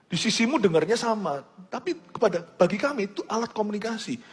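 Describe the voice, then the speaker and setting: A man from Indonesia preaching a sermon, his voice high and husky and swinging widely in pitch. He mimics the sounds of foreign languages and shifts between loud and hushed delivery. A long hall reverb trails each phrase. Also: expressive, quick pace.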